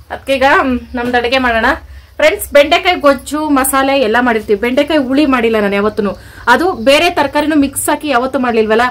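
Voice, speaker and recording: Young woman, high voice, chatty cooking vlog host, talks to friends watching. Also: a bit bright. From Karnataka, India. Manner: chatty, addresses viewers as friends. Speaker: vlogger, channel host. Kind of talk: casual cooking vlog narration.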